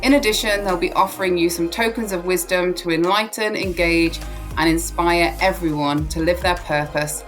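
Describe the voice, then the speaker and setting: A woman's voice: lowish voice, steady tone, normal speed, faint music behind. A woman hosting a podcast interview, upbeat and chatty, reading a scripted intro. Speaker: podcast host.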